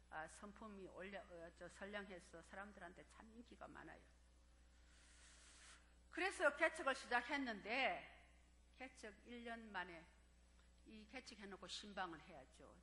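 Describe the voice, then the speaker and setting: A woman's voice: medium pitch, slight background noise. Older woman pastor preaching with dramatic swings. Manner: dramatic swings from hushed to loud cries. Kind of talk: emotional sermon storytelling. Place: church sanctuary. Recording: echoey church hall with long reverb.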